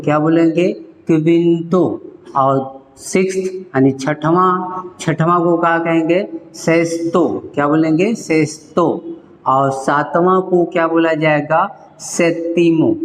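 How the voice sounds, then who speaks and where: A man teaching a whiteboard language lesson who repeats each term, asks viewers to say it back and keeps checking that they have understood. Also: on the high side. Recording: echoey room with long reverb.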